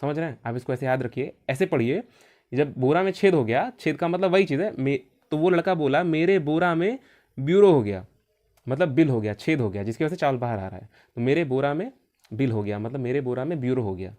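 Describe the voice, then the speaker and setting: A male teacher walks students through an exam-prep vocabulary lesson at a steady, mid-range pitch. He keeps asking questions and answering them himself. He drills each point through repetition. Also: fast talker.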